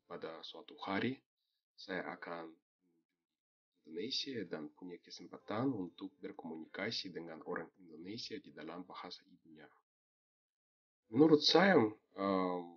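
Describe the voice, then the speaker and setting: Deep, husky foreign-accented male Indonesian learner. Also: expressive, unhurried, long pauses, fairly bright tone. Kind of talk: prepared testimonial. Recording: slightly dull, lo-fi audio.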